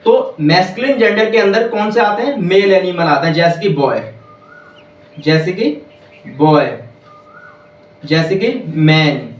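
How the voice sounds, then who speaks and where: A man teaching English grammar in a classroom, repeating each point slowly and quizzing the listeners. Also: high voice. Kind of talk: classroom lesson. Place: classroom with whiteboard. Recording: echoey room, voice from far off.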